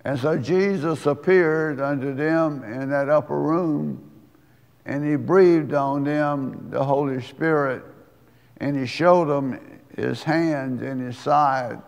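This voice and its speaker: Slow folksy preacher man in a reverberant hall. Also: on the high side, vocal fry. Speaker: pastor. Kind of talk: sermon.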